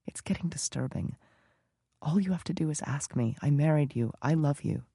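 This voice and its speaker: A man voicing a gentle, patient British husband who speaks quietly and soothingly. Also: a little high, normal speed, creaky, husky, dry recording, clean studio sound.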